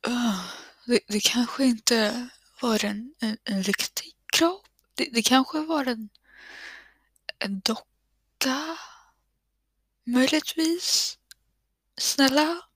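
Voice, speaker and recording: A woman's voice: a little high, fairly bright tone, slightly rough, dry recording. A woman whispering nervously as she narrates a horror game, stammering and swearing under her breath.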